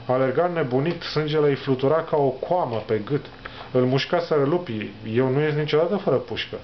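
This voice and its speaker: A man's voice: mid-range voice, slight background noise, lightly acted. A male reader voicing a sad, weeping old neighbor who carries a gun, in a plain read-aloud way, on a dull lo-fi recording. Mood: worried.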